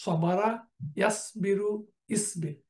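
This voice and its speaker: A woman teaching Quranic Arabic grammar in a slide lecture, working through verb conjugations in steady, orderly lists. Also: mid-range voice, takes it slowly. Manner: methodical, drills verb forms in lists. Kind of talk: online lecture over slides.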